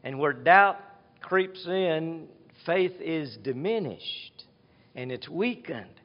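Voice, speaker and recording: A man's voice: on the high side, lively intonation, slow pace, dull audio. A man preaching an earnest, reflective sermon in a church, retelling scripture scenes. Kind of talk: expository sermon. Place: church with a screen behind him.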